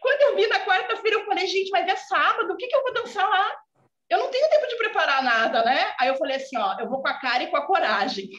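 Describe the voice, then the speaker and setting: Speaking fast and animated, this gaúcha woman in her forties from southern Brazil joins a casual video call from home as a student guest, her high voice earnest, warm and chatty, full of filler "né" tags in Brazilian Portuguese. Her laptop mic gives the audio a dull, roomy quality.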